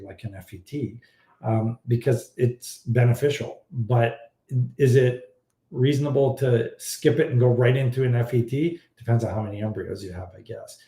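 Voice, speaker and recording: Male fertility doctor, originally from Iran, hosting a live Q&A; blunt and animated, warm low tone, echoey room. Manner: blunt, animated, exasperated at odd claims. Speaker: fertility doctor answering questions. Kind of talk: casual live Q&A.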